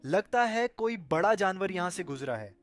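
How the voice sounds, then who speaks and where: A man voicing a foolish, overconfident young brother in a cartoon story, boastful and quick to panic. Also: high-pitched, expressive, pitched above the performer's own voice.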